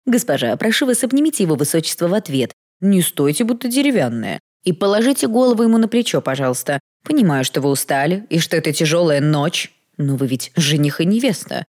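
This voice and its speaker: A woman's voice: lowish voice, very animated, brisk, few pauses, a little mellow. A woman voicing a fussy male court photographer who keeps pleading and gushing over his subjects. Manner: begging, gushing, theatrical.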